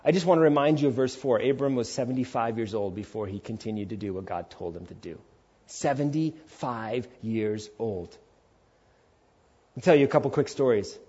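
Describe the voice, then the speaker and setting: Husky and mellow in the mid-range, a man in his forties preaches with the highs cut off. The sermon is emphatic and informal, featuring rhetorical questions, acted-out quotes and conversational asides.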